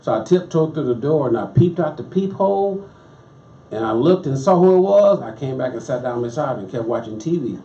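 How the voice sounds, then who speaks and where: A married man telling lively stories in a conversation, acting out the dialogue as he goes. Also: medium pitch, fairly quick. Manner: animated storyteller acting out dialogue. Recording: distant, roomy, dull with faint ambience.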